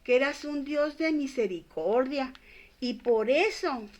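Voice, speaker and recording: An older woman voicing an angry male prophet complaining to God, halting and resentful with repeated words. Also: high voice, animated, darkish tone, slight background noise, pitched above the performer's own voice.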